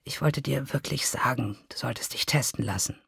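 A woman's voice: low voice, fairly even intonation, moderate pace, gravelly, a little mellow, no echo, clean studio sound. A woman reading the part of a dying man in a story, speaking faintly and in a whisper. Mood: weary, rueful. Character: dying middle-aged man, weak and rueful.

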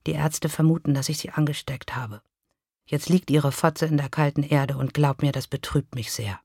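A woman's voice: deep voice, fairly even intonation, moderate pace, creaky, darkish tone, dry recording, clean studio sound. A woman reading the part of a dying man in a story, speaking faintly and in a whisper. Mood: weary, rueful. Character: dying middle-aged man, weak and rueful.

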